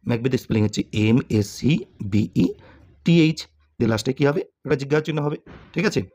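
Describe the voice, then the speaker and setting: A man's voice: medium pitch, quick pace, darkish tone. A man teaching English grammar to students, asking questions and answering them himself, with frequent "okay?" check-ins.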